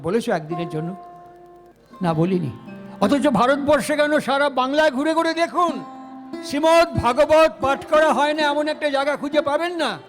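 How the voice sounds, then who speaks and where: A man with a Bengali accent preaches a devotional sermon with great fervor, firing rhetorical questions and chanting lines of scripture. His voice sits very high for a man. Instrumental music plays clearly behind him. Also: moderate pace.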